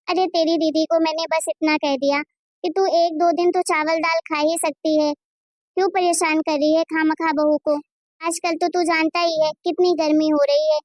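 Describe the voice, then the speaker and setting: A woman voicing a fair-minded middle-aged mother in a Hindi cartoon, lecturing her daughter in a high, sing-song tone. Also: no echo, clean studio sound. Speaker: voice actor.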